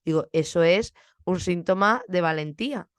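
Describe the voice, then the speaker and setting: A woman's voice: fairly low pitch, moderate pace, smooth, no room sound. A young woman teacher from Spain, with a Spanish accent, chatting casually on her podcast and acting out bits of classroom dialogue.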